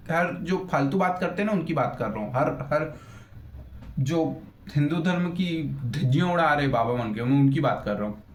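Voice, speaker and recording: A young man and YouTuber ranting in an unscripted roast, blunt and crude, swearing freely and losing his thread as he rambles. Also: high-pitched. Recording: echoey room.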